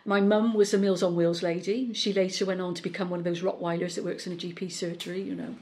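A middle-aged woman from Bristol with a West Country accent softened by South Wales, talking chattily in an interview with frequent restarts and rolled R's. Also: lowish voice, flat delivery, fast talker. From Bristol, England. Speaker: politician, interview guest. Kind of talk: conversational interview.

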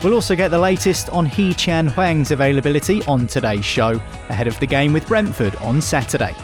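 A man's voice: a little high, expressive, brisk, music in the background. A man hosting a scripted club podcast, speaking in a polished way close to a podcast microphone. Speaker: podcast host.

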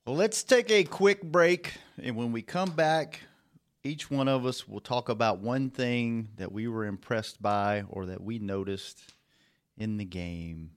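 A man's voice: mid-range voice, unhurried. A man hosting a sports show in a casual, chatty style. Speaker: show host. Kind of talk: casual chat.

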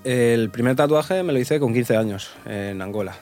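A man in his twenties from Portugal, a podcast guest chatting casually and relaxed, laughing often and trailing off softly. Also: mid-range voice, moderate pace, faint music behind. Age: 20s. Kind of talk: casual chat.

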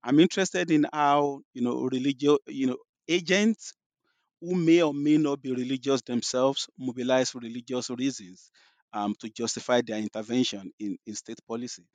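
A man in his fifties with a Nigerian accent, answering interview questions as a guest professor, halting with many fillers and restarts. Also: medium pitch, a little mellow, no echo.

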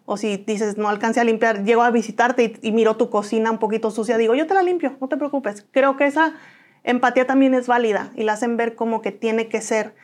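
Mexican woman being interviewed, telling her story, bit high voice, earnest. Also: a little fast. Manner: earnest, animated, acts out quoted voices. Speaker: guest.

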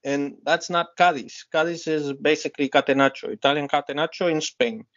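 A man co-hosting a casual football podcast, relaxed and chatty, cutting in with quick remarks. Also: fairly high pitch. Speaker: podcast co-host. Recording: dull lo-fi audio.

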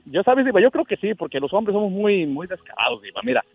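A man's voice: high voice, sing-song, fast, gravelly, husky, faint music behind. A middle-aged man calling in on the phone, telling stories with chatty, stumbling repeats. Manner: chatty, says the host's nickname constantly, stumbling repeats. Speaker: caller. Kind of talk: storytelling on a phone call. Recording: tinny phone line.

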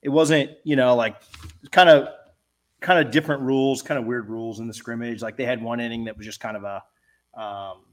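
A man's voice: medium pitch, steady tone, moderate pace. A middle-aged man co-hosting a podcast, chatting casually in a laid-back, rambling, hesitant way. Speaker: podcast co-host. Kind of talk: casual chat.

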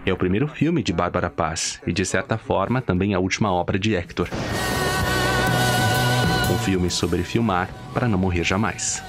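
Low-voiced man reading a film ad. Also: over music. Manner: measured, formal delivery. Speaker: ad announcer. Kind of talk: scripted ad narration.

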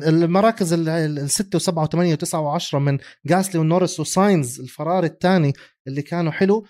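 A man with a Levantine Arabic accent talks sports in a casual co-host style. His voice sits a little high and he speaks extremely quickly, slipping English terms into his sentences. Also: darkish tone. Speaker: motorsport podcast co-host.

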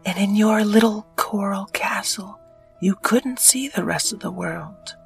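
A man voicing an eager little shark boy hero in a read-aloud story, speaking in a high, excited, breathless way. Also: a little slow, gravelly. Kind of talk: storybook character voice. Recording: voice a bit far from the mic, faint music.

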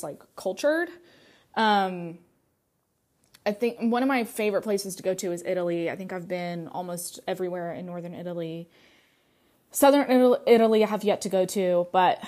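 Her pitch is fairly low, with a darkish tone. She's a young adult American woman hosting a podcast, delivering a casual personal monologue about her life, chatty and heavy on "like" and "um".

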